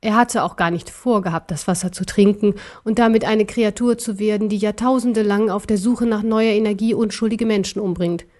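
Woman calmly narrating a storybook. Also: medium pitch. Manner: calm, measured storytelling. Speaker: audiobook narrator.

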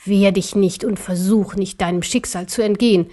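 A woman voicing a cruel ancient male emperor in a young man's body, talking slowly and with menace. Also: medium pitch, fairly even intonation, warm tone, natural voice. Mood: scornful. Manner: slow, menacing, sneering.

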